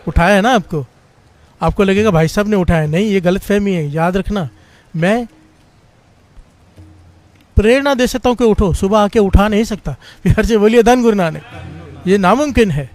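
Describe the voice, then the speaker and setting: A man's voice: high voice, a little mellow, dry recording. A man preaching a devotional Sikh sermon, telling a story in an earnest way and often calling on the congregation to respond with praise. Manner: keeps urging the congregation to call out praise; earnest storytelling, quotes scripture in a slow chant. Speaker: Sikh preacher giving katha.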